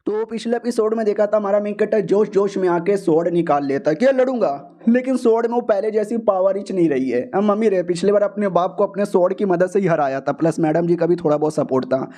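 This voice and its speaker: A man recapping a manga chapter in casual, slangy storytelling and cracking jokes as he goes. His voice is fairly high and warm, with a mellow tone. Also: quick pace, few pauses. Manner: slangy, joking.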